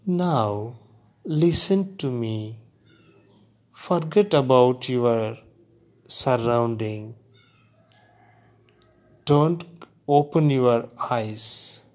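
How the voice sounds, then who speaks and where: A man leads a guided meditation in a calm voice at a medium pitch. His delivery is extremely slow and deliberate. Short phrases are set apart by long, unhurried pauses, in the measured style of relaxation instruction.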